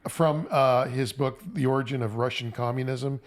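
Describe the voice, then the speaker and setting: A male podcast host in a relaxed panel chat, voice at an everyday middle pitch. He steers the talk by asking clarifying questions and checking terms with his guests. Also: normal speed. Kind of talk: casual panel discussion.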